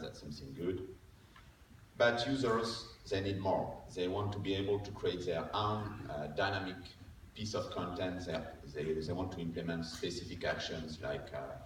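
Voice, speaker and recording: Deep-voiced man presenting in an echoey room. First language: not English. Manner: informal explaining, often checking with "okay?". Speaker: conference speaker. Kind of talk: technical lightning talk with live demo. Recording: distant mic, echoey room, faint noise.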